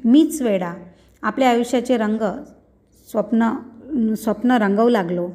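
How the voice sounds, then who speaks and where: A woman's voice: fairly high pitch, measured pace, mellow, lightly acted. A woman reading a story aloud, voicing a hurt and angry young man who speaks bitterly and accusingly.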